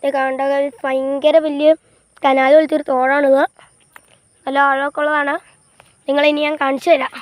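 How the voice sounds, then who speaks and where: Filmed on an old phone while she rides a bicycle by a canal and rural fields, a woman gives a laid-back walking-tour vlog with no room sound. Her delivery is high-pitched and flat, halting and repetitive, peppered with "guys."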